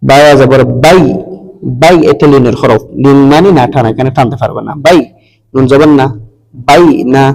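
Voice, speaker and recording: Male Quran teacher, mid-pitched voice, spells and blends syllables, reverberant sound. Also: a little mellow. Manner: spells each letter and vowel, then blends syllables slowly; repeats syllables and tells listeners to pay attention. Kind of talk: slow spelled-out recitation lesson. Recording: long reverb.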